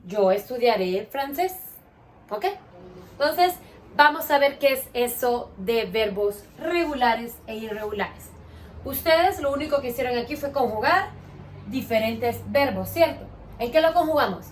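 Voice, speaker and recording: A woman's voice: on the high side, slight background noise. A woman teaching a grade-school lesson, asking the children questions and praising their answers with patience.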